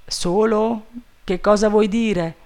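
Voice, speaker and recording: A man voicing an excitable, anxious male gentleman who shouts urgent orders up a tree. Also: high voice, slow pace, smooth, pitched above the performer's own voice. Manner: urgent, agitated calling out.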